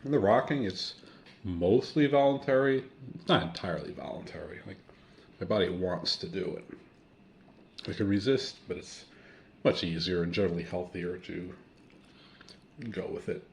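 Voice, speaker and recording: A man's voice: low voice, normal speed, pauses often. A man narrating his daily routine at home in a plain, matter-of-fact way, talking through each step as he goes. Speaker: vlogger. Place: at home, kitchen. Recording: loud background noise.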